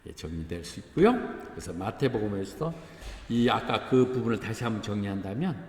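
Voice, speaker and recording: Korean pastor preaching in echoey hall. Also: male voice, lowish voice, animated, brisk, a little mellow, a little hiss or hum. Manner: conversational preaching, breaks into acted dialogue, chuckles at congregation. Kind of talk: sermon. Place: church sanctuary. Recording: echoey church hall, faint ambience.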